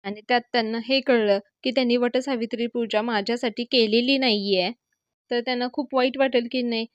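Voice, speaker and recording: A woman's voice: fairly high pitch, fairly even intonation, brisk, dry recording, dull audio, close to an everyday voice. A woman voicing an earnest young husband pleading with a friend in a retold serial scene. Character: young man, earnest and protective.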